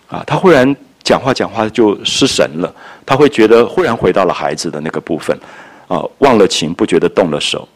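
A man lecturing on a classic novel, musing and reflective, with frequent soft asides. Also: low-pitched. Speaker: literature lecturer.

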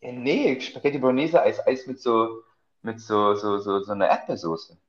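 A man's voice: lowish voice, moderate pace. Joking podcast man, dull recording. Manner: joking, hesitant with many fillers. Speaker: podcast co-host. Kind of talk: casual podcast chat.

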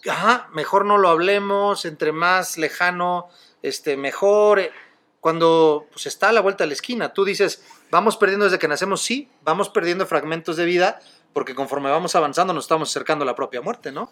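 At normal speed and in a slightly high, fairly bright voice, a middle-aged man with a Mexican accent hosts a podcast. He shares stories casually and chattily, laughing with ease.

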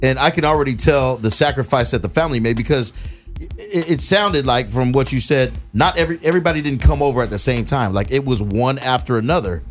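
A man's voice: medium pitch, a little fast, faint music behind. A man hosting a radio talk show from a studio, upbeat and laughing, with frequent hesitations.

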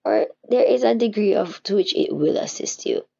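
A woman's voice: medium pitch, lively intonation, normal speed, vocal fry, mellow, breathy edge. A woman giving a casual spiritual teaching, reflective and searching for her words as she goes. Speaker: faith teacher. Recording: dull lo-fi recording.

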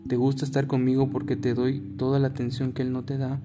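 A man's voice: mid-range voice, completely flat delivery, quick pace, long reverb tail, lightly acted. A man with a Mexican accent voicing a curt, bitter young man in his twenties who has been cheated on. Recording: guitar music playing behind.

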